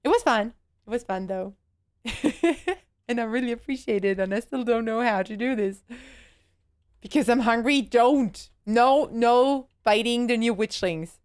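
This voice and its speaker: A young woman talks through a live horror game session in casual chatter. Her voice sits a bit high and she speaks slowly. She gets jumpy and curses under pressure. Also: darkish tone, clean tone, no echo, clean studio sound. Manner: nervous, swears and yelps when startled. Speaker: streamer.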